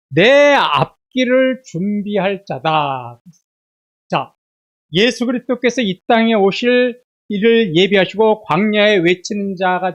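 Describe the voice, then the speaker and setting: A pastor with a bad cold and fever preaches a Sunday sermon in a church sanctuary, voice sitting high, peppering listeners with rhetorical questions that rise loud and drop to a hush. The audio is dull.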